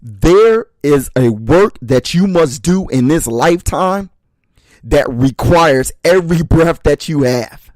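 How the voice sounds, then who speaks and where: A man's voice: fairly high pitch, expressive, slow, a little mellow, dry recording. A man giving a motivational speech, talking straight to his listeners as brothers and sisters and hammering home short repeated refrains. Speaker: motivational speaker.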